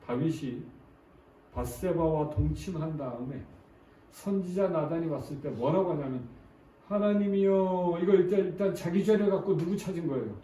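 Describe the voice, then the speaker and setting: A man preaching in a church sanctuary, often asking the congregation questions and acting out heartfelt prayers. His voice sits a little high, with a mellow, dark tone. The recording is roomy and taken from a distance, with a faint hiss behind it. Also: normal speed. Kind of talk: sermon.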